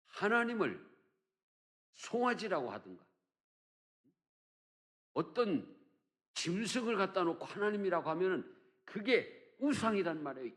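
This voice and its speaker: A man's voice: high-pitched, a bit bright. An older man preaching a sermon as pastor, telling stories and acting out children's teasing, with emphatic rises on key points. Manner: storytelling, acting out children's teasing in a sing-song voice. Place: church sanctuary.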